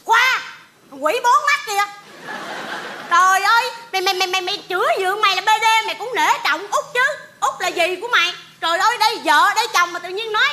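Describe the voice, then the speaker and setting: A woman playing a shrill wife who scolds a young relative in a stage comedy sketch. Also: lively intonation, fairly quick, bright, forceful tone, heavily acted. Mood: scolding. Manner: scolding, shrieking. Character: shrill scolding wife defending her husband.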